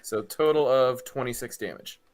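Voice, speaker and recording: A man's voice: medium pitch, normal speed. A man playing a tabletop game, casually explaining rules and his moves.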